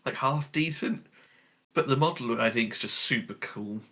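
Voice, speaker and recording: A man talks as a guest on a live game stream, friendly and quick to agree with his co-host. His voice has a bright, somewhat tense edge at a middle pitch. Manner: friendly, agreeable, laughs often. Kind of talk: casual chat while gaming.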